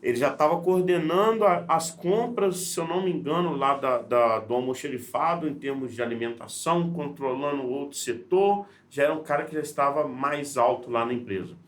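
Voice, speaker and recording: A man's voice: mid-range voice, normal speed, few pauses. A man, a leadership trainer who is a guest on a podcast, telling stories in a casual way, acting out the dialogue and often restarting his sentences. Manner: animated storyteller, acts out dialogue, frequent restarts. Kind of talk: casual storytelling conversation. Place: podcast studio.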